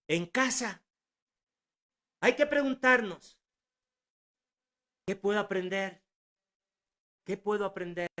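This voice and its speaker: Preaching from his home, a sixty-something man sounds high-pitched, bright, and forceful. His sermon is earnest and urgent, built on repetition and rhetorical questions.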